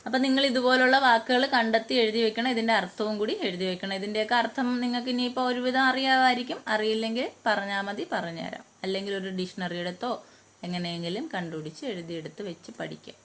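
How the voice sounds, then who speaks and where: A woman who speaks Malayalam natively, teaching English. She reads example words aloud one at a time, with measured, deliberate pauses like dictation. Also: a little high, a bit bright. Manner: slow, deliberate word-by-word dictation. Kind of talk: spoken English lesson in Malayalam.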